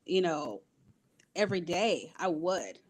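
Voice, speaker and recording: A woman's voice: on the low side, slow. Passionate woman guest on a podcast. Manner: passionate, expressive. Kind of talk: casual interview. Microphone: video call.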